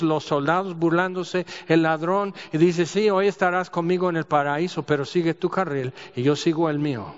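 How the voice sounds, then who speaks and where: A man preaching a sermon, telling stories and asking rhetorical questions. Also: high-pitched. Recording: dull audio with long hall reverb.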